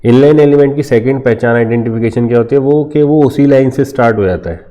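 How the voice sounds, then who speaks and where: Mellow-voiced man teaching a coding lesson. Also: medium pitch, fast talker. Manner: explains step by step, asks and answers imagined student questions. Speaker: programming teacher. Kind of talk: screen-share coding tutorial.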